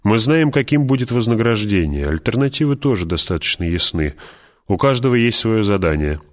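A man's voice: fairly low pitch, sing-song, fairly quick, voice pushed up. A man reading an audiobook, voicing a decisive noble duke who speaks firmly and with dry irony. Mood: commanding.

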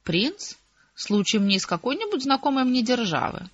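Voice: mid-range voice, big pitch swings, fairly quick, fairly bright tone, slightly rough, dry recording, full character voice. A reader voicing a faded, hard-drinking aristocratic lady who flirts coyly and speaks casually, in a slightly dull audiobook recording. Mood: flirtatious.

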